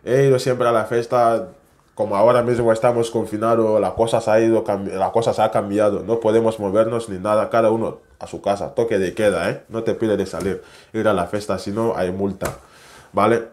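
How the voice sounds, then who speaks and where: Young man, speech; animated casual vlogger. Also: fairly low pitch, fairly quick. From West Africa. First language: French. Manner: animated, chatty, non-native Spanish with tag questions. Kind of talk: casual storytelling to camera.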